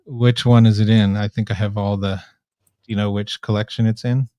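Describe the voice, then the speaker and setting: Male chat host, somewhat low and nasal, informal delivery, close dry mic. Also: little pitch movement, brisk, warm tone, dry recording. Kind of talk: casual live chat. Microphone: microphone right up close.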